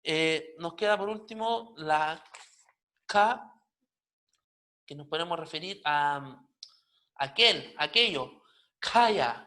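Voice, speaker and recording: A man with a Chilean Spanish accent teaching a pronunciation lesson, repeating example words slowly with strongly stressed consonants. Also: on the high side, pushed and bright. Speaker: Aymara language teacher.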